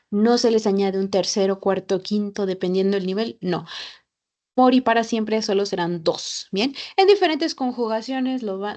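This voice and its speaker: A woman teaching a Japanese class, patient and repeating each example slowly. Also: mid-range voice. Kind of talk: online class lesson.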